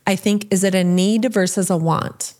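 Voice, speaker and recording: A woman's voice: medium pitch, steady tone, normal speed, darkish tone. A woman hosting a casual podcast discussion, talking in a reflective way and asking the others questions.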